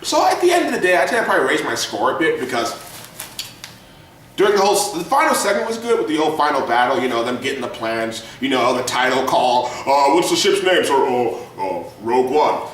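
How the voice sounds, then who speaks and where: A man's voice: mid-range voice, sing-song, quick pace, a bit bright. A young man casually reviewing a movie, swearing a lot, rambling and laughing often. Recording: echoey room, distant mic, faint noise.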